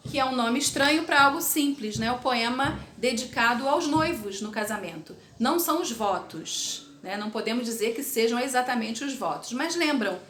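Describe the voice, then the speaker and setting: A woman's voice: fairly high pitch, expressive, moderate pace, few pauses, fairly bright tone, echoey room, slight background noise. A woman teaching a recorded literature class, explaining terms step by step and checking in with her students. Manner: explanatory, checks in with tag questions.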